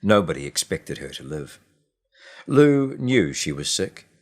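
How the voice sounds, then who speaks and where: With a low voice, a man works through a short story as audiobook narration, keeping his delivery measured and expressive. He pauses deliberately along the way.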